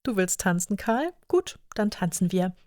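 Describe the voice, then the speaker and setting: A woman voicing a bold, sharp-tongued young wife with quick, spirited retorts. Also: medium pitch, sing-song, dry recording, studio quality.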